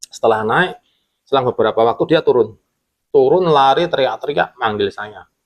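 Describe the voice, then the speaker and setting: A man's voice: medium pitch, moderate pace. A man, a former security guard telling a ghost story in a casual podcast chat and acting out his coworkers' words. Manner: animated, acts out quotes from coworkers.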